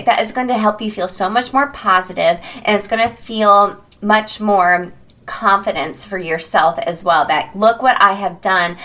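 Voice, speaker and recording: Bright-voiced upbeat woman podcast host. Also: medium pitch. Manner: upbeat, chatty, exclaims "ta-da" playfully. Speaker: podcast host and habit coach. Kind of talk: casual podcast monologue.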